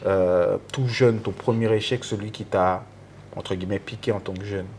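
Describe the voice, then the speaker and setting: A man's voice: fairly low pitch, steady tone, moderate pace, darkish tone, breathy edge. A man hosting a casual interview, encouraging, often agreeing and echoing his guest's words. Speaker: interview host.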